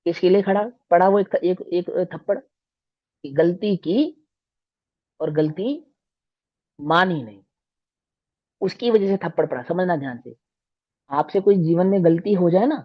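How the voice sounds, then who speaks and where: Brief: a man teacher with a higher voice, lively and questioning, in a dull lo-fi recording. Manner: animated, asks the class rhetorical questions. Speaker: religious teacher. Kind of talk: storytelling lesson to children.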